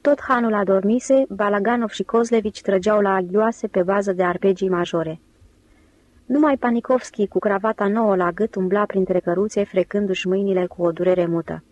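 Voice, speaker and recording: A woman narrating an audiobook in an even, steady reading voice. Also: medium pitch, no echo. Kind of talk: scripted narration.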